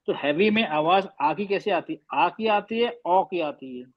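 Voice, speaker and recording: A man teaching Quran recitation in an online class, patiently correcting students and slowly demonstrating sounds. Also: high-pitched, lo-fi sound. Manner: patient, slow demonstrating drills.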